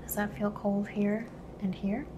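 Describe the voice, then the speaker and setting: A soft-spoken woman in an ASMR medical exam, acting as examiner and calmly explaining each step with gentle instructions. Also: medium pitch, a little slow, lo-fi sound, background noise.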